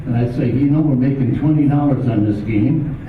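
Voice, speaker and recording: A man's voice: mid-range voice, fairly quick. An older man giving an emotional, anecdotal acceptance speech at an awards ceremony, chuckling through funny stories. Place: large hall at an awards ceremony. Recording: echoey hall from far off over tinny, noisy sound.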